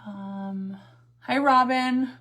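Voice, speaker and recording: A sassy, chatty woman in her forties hosts a livestream while doing her makeup, answering viewer comments and laughing often. Her fairly high, somewhat bright voice has fairly even intonation and drawn-out words.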